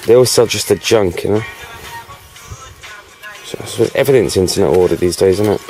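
A man's voice: low-pitched, a little fast, a little mellow, soft background music, low-quality recording. A British man chatting casually on his own channel, rambling and peppering his talk with "you know", at times with a cigarette in his mouth. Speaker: vlogger.

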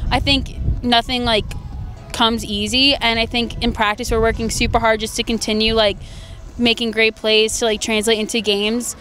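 A young woman college athlete answers questions into a handheld mic outside by the field. Her voice is a touch high for a woman. She chatters along in a bubbly way, dropping "like" all through. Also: flat delivery, moderate pace, fairly bright tone, soft background music. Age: young adult. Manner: bubbly, peppers talk with "like". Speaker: college player. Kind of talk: postgame interview. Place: outdoor stadium by a sports field. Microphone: handheld interview mic held in front.

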